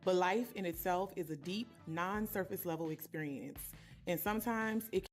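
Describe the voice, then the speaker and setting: A woman's voice: on the low side, faint music behind. Earnest woman podcast host. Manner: earnest, deliberate, heartfelt. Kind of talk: scripted podcast monologue.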